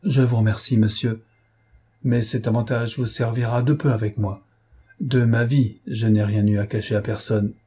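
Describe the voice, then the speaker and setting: A man reading the part of a timid, nearsighted young man who speaks softly and hesitantly but with quiet dignity, in a mellow, slightly husky voice. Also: mid-range voice, fairly even intonation, moderate pace, lightly acted. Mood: gentle, hesitant. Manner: soft, hesitant and trembling, yet dignified.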